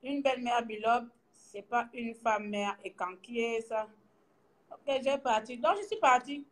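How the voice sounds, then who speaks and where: A middle-aged woman from Gabon with a Gabonese French accent, teasing her viewers in a lively casual vlog, laughing often and trailing off as she searches for words. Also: fairly high pitch, measured pace. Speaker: vlogger. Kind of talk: casual mocking commentary to viewers.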